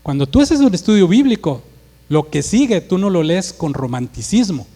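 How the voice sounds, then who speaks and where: Monterrey-accented pastor preaching emphatically. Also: male voice, high-pitched, very animated, moderate pace. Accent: northern Mexican, Monterrey. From Mexico. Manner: emphatic preaching, acts out dialogue in a forceful voice. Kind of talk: sermon. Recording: long hall reverb.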